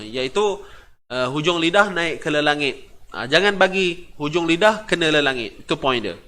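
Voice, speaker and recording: A man with a Malaysian Malay accent leads a tajwid lesson, his voice sitting a little high for a man. He drills single syllables over and over, chants the verses slowly, and checks understanding with short questions. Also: sharp tone. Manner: patient, repeats syllables, asks the class questions. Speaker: Quran recitation teacher.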